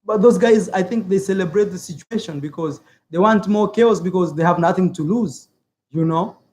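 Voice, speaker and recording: A man's voice: high-pitched, moderate pace, a little mellow. A man from Africa giving his opinions in a casual vlog, earnest and repetitive, with many filler words. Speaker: YouTuber. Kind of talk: casual opinion vlog, reading viewer comments.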